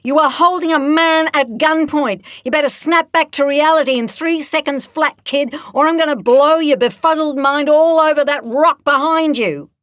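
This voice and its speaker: A woman's voice: sits high, moderate pace, few pauses, no room sound, clean studio sound, pitched above the performer's own voice, lightly acted. A woman voicing a brash female police officer who is mocking and threatening. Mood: menacing.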